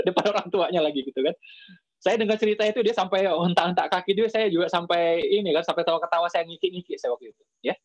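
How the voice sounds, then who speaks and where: A man preaching in a casual storytelling style to a live audience, chatty, with lots of filler tags and lively quoted dialogue. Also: sits high, dry recording.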